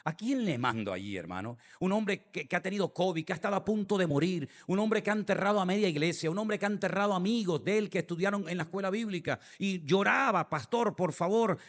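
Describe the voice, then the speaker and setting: A man with a Canarian Spanish accent, preaching a sermon as a pastor, swinging between impassioned high peaks and hushed prayer. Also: fast talker, hardly any pauses. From Canary Islands, Spain. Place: church sanctuary. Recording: church hall with long reverb.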